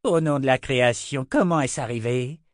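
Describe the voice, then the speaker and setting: A man's voice: medium pitch, expressive, moderate pace, no room sound, clean studio sound, voice pushed up, natural voice. A man voicing a brutal, furious army general who barks orders and threats in an audiobook. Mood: harsh, shouting.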